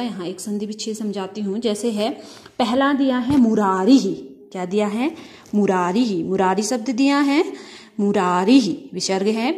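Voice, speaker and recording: A woman teacher giving a grammar lesson, asking questions and answering them herself, slowly stretching out sounds as she spells them. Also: fairly high pitch, darkish tone. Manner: asks questions and answers them herself, repeating key terms; drawn-out syllables when spelling out sounds.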